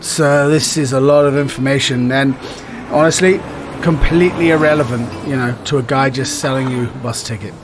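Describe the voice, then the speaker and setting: A man's voice: medium pitch, fairly even intonation, brisk, noisy background, natural voice. A man voicing a weary, unimpressed bus ticket agent who brushes off a chatty customer, read aloud from a screenplay. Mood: impatient. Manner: dry, impatient.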